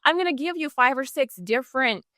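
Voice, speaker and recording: High-pitched, animated and pushed bright, this woman's voice comes through clean studio sound with no room ambience. She's a customer service trainer guesting on a podcast, answering with energy and a coaching manner, tossing in quick acted examples.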